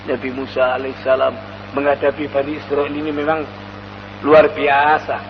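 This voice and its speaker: A male Islamic preacher, telling a scripture story in a lively sermon and chanting verses slowly. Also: medium pitch, big-room sound, dull audio, a little hiss or hum. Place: mosque hall.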